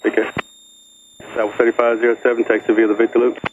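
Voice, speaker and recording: A man speaks as an air traffic controller over a radio channel crackling with static bursts. His delivery is fast and flat, barely rising or falling. The sound is dull and lo-fi, with steady hiss underneath. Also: mid-range voice. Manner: rapid clipped monotone phraseology. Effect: radio transmission with static bursts. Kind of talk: terse radio instructions. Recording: noisy lo-fi radio feed.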